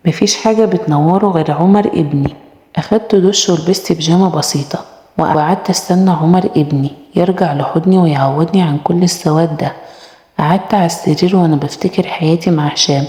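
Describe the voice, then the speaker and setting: A woman's voice: on the low side, fast talker, mellow. A woman with an Egyptian Arabic accent narrating a first-person story, reading every character in her own voice. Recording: echoey room with long reverb.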